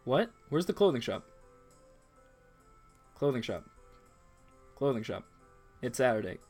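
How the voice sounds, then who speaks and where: With faint music behind him, a let's-play host casually comments on a romance game he's playing and reads its text aloud. His mid-range voice is sing-song, somewhat slow and darkish in tone.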